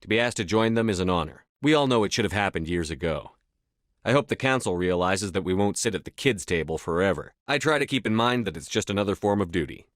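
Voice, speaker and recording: Video game military commander: low male voice, steadfast, clipped and formal, dry close sound. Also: expressive, fast, dry recording. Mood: measured, earnest. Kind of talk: video game dialogue lines.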